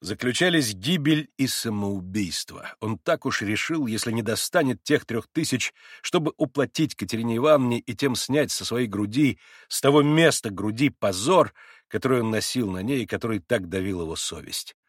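A man reads a classic novel aloud in a measured, expressive way, with a mid-range voice. The recording is dry and close, on a studio mic with no room sound. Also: mid-range voice, no echo. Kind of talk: audiobook narration of a classic novel.

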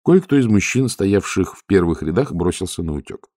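Man, audiobook narrator, low voice, lively intonation, dry close sound. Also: moderate pace, no echo. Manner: expressive storytelling. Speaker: audiobook reader. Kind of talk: scripted narration.

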